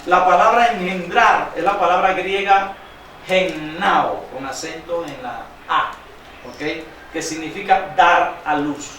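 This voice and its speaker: High-voiced preacher in an echoing church. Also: male voice, fairly bright tone, slight background noise. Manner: quizzes the congregation with call-and-response questions; reads scripture aloud slowly and emphatically. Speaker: pastor. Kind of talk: sermon. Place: church sanctuary. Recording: very echoey church hall, distant mic.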